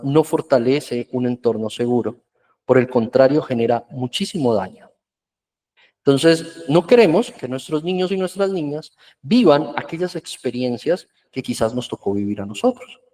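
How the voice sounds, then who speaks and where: A man's voice: mid-range voice, mellow. A man giving a virtual workshop talk on children's emotions, in an earnest, explanatory way. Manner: earnest, explanatory, acts out parents' scolding in quotes.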